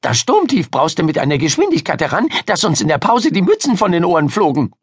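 A man voicing a chatty, excited schoolgirl who babbles without pause, in a storybook reading. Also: on the high side, breathy edge, no room sound, clean studio sound, voice pushed up, heavily acted. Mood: excited chatter. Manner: babbling nonstop, gushing.

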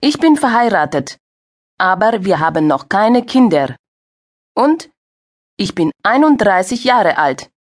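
An actress playing a friendly young female participant in a scripted language-course dialogue, speaking slowly with clear diction. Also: mid-range voice. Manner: slow, clear, lively intonation.

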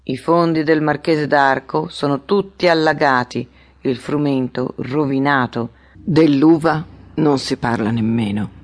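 A woman reading an audiobook, voicing a gruff tall male tax collector with a cracked voice, speaking slowly. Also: a little high, natural voice. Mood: grim.

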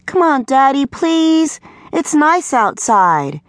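A woman's voice: mid-range voice, lively intonation, measured pace, no room sound, studio quality, voice pushed up, close to an everyday voice. A woman voicing a spunky young girl who talks with sass and attitude in an audiobook. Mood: pleading. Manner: whiny, pleading, sassy attitude.

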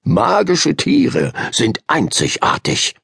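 A man voicing a kindly, mysterious older male owner of a magic pet shop in a children's audiobook, speaking gently and invitingly. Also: on the high side, huge pitch swings, takes it slowly, vocal fry, slightly rough, no room sound, studio quality, pitched above the performer's own voice, heavily acted. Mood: gentle. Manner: gentle, soft-spoken and inviting. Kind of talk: audiobook character voice.

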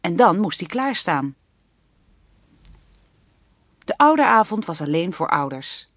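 Low-voiced woman narrating a children's book. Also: normal speed, no echo. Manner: even, clear storytelling. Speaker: audiobook narrator.

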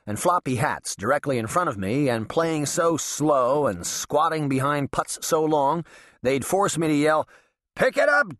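A man's voice: mid-range voice, dry recording, clean studio sound. A man narrating an audiobook in a wry, sardonic first-person voice. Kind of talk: scripted narration.

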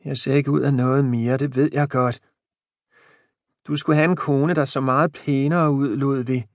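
A man's voice: mid-range voice, steady tone, no echo, clean studio sound, pitched above the performer's own voice, natural voice. A man voicing an older, kindly wife, in a raised and pleading voice in an audiobook. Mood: eager. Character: kind fussing older wife Jane.

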